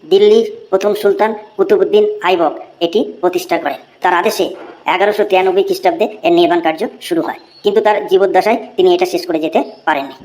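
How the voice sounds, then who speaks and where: A woman who narrates and hosts the channel voices a cheeky schoolboy reciting a long essay by rote in a cartoon. Her voice is on the low side and darkish, quick-paced, close to how she normally talks, with a recitation mood.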